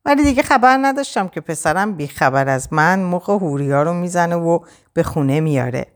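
A woman's voice: lowish voice, animated, natural voice. A woman voicing a cheeky young man who teases his brother in a playful, mocking way. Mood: teasing.

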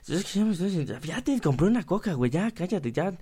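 Man putting on a whiny young mexican guy, higher voice, impatient, cutting his date off. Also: sing-song, fast talker, mellow, breathy edge, full character voice.

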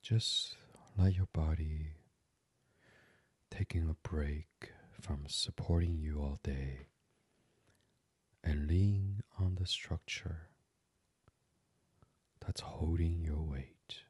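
This is an ASMR-style guided sleep meditation led by a man whose voice is deep and breathy. Very slow and soft, his soothing delivery frequently drifts toward a near-whisper. The audio is intimate and dry, with no room around it.

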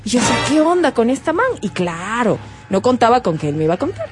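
A woman on a radio show telling a personal story with lots of energy, her voice rising and falling widely as she acts out the other people. Her voice sits a little high, and music plays under the talk. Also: fast. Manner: lively, acts out quoted voices. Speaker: radio co-host.

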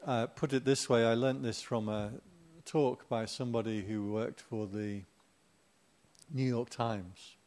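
A man's voice: mid-range voice, steady tone, unhurried, a little mellow. Middle-aged male Buddhist teacher, informal Dharma talk, mid-range voice, chatty, light humor with asides.

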